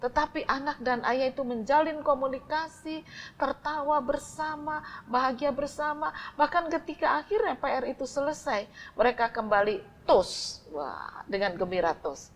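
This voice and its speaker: A woman giving a calm, unhurried storytelling devotional to a congregation. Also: high-pitched. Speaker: church devotional speaker.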